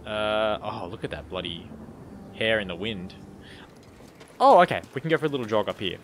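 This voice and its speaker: A young man casually commenting on his own game playthrough, chatty and quick to laugh. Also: lowish voice, expressive, slight background noise. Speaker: gaming channel host. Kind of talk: casual let's-play commentary. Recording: game music underneath.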